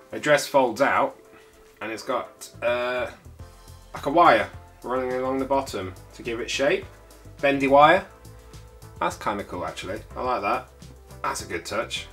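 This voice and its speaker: This toy collector channel host has a mid-range voice that comes across pushed and bright, though congested from a cold. He chats casually and ramblingly as he unboxes a collectible, filling gaps with frequent filler sounds.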